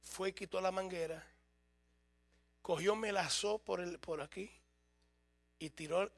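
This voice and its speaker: High-voiced gravelly male preacher. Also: fairly even intonation, unhurried, faint music behind. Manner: humorous, speaks directly to the congregation. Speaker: pastor. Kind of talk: sermon.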